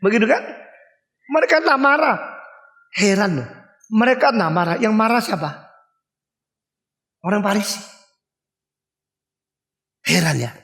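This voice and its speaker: High-voiced older preacher in a hall. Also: male voice, a little slow, vocal fry, long pauses. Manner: animated, acts out voices and dog barks, asks the audience questions. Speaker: pastor. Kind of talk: sermon. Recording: long hall reverb.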